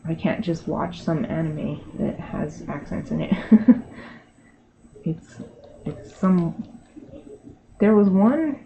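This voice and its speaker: A digital artist livestreams from her bedroom, chatting casually, laughing often and talking to herself as she draws. Her slightly low, gravelly voice is slow, with lively intonation and frequent pauses, and the lo-fi stream audio sounds dull with faint hiss.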